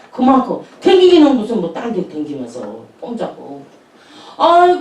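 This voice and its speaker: A woman pastor tells chatty, animated stories in a sermon, laughing often. Her voice sits high and swings widely. She is recorded from a distance in an echoey church hall. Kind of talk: anecdotal sermon storytelling. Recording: echoey room, distant mic.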